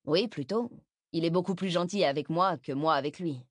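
A woman's voice: lowish voice, normal speed, dry recording, clean studio sound, lightly acted. A woman voicing an awkward, reluctant teenage boy in an audiobook, hesitant and trailing off. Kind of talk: audiobook character voice.

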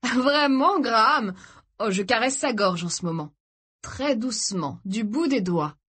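A woman reading the part of a cruel young male captor who taunts his prisoners in a mock-gentle way. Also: a little high, expressive, a little slow, breathy edge, pitched above the performer's own voice, exaggerated voice.

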